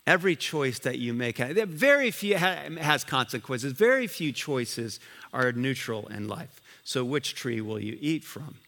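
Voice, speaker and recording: A man who grew up in Liberia, preaching a sermon as a pastor, animated and full of restarts and asides. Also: medium pitch, measured pace, long reverb tail.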